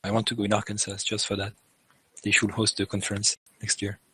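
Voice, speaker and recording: A man from France, hosting a casual podcast chat and reacting quickly with a teasing tone. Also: on the low side, completely flat delivery, sharp tone, husky, no echo, low-quality recording. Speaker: podcast host.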